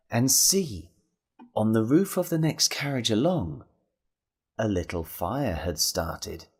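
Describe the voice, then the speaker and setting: A man with an English accent narrates a children's folk tale with a lively, swooping voice. He builds tension and talks straight to the listeners, asking for their help. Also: medium pitch. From England. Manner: animated, dramatic, involving the audience. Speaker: storyteller. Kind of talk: storytelling for children.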